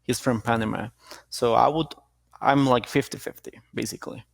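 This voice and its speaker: Gravelly-voiced young man in a dry interview. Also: medium pitch, no echo. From Costa Rica. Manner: relaxed, halting, with restarts. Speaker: jiu-jitsu athlete, guest. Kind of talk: casual interview answers.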